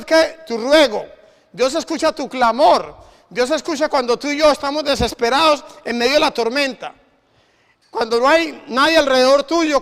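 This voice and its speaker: A male preacher with a Latin American Spanish accent, giving a sermon and quizzing the congregation with questions, often halting and repeating words. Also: very high voice, a bit bright. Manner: call-and-response questions to the congregation. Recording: hall reverb.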